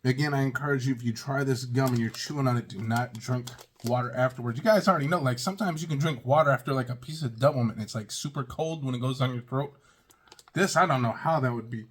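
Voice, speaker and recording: A man with a husky voice hosting a casual taste-test review, exclaiming often and talking straight to his viewers. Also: mid-range voice, quick pace. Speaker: video host.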